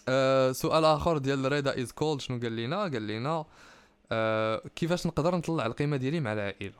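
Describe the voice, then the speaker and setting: A young man speaks with a Moroccan accent at a rapid-fire pace. His voice is crisp and sounds dry and close. He hosts casually, pressing his advice emphatically and mixing in French and English. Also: mid-range voice, no room sound. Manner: mixes Arabic with French and English phrases; emphatic, motivational advice-giving. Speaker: podcast host. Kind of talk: casual chat, answering listener questions.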